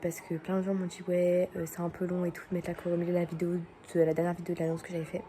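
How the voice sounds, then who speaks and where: A woman's voice: lowish voice, monotone, rapid-fire, dark tone. A young woman talking casually to her viewers as a vlogger. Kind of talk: casual vlog talk to viewers. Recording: background chatter and noise.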